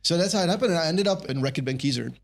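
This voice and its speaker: A middle-aged Czech man with a Czech accent appears as a guest on a podcast, chatting casually about his career as a brand marketer. His voice is fairly high and gravelly, with lively intonation and a rapid-fire pace. He's thoughtful but rambling, often restarting his sentences.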